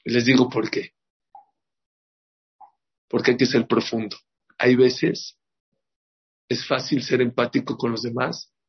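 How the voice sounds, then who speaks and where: A man's voice: mid-range voice, measured pace, long pauses, husky, highs cut off. A man, a rabbi teaching a religious lesson who keeps asking his listeners rhetorical questions. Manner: lively, asks the audience rhetorical questions. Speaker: rabbi teaching a Torah class.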